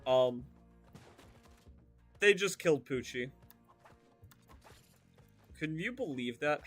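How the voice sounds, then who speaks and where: A young man with a slightly high, somewhat bright voice streams a video game, offering casual gameplay commentary. He chats loosely, wanders into tangents, and uses lots of fillers.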